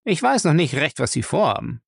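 A man's voice: fairly high pitch, big pitch swings, a little fast, gravelly, slightly rough, no room sound, clean studio sound, voice pushed up, full character voice. A man voicing a brash, surly professional thief who talks back with cheeky mockery. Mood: insolent. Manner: cheeky, mocking, raised voice.

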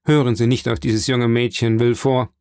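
A man's voice: medium pitch, little pitch movement, brisk, a little mellow, clear, resonant tone, no echo, studio quality, close to an everyday voice. A man playing a haughty old marquise. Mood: scolding. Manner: haughty, scolding. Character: stern aristocratic older mother, dismissive.

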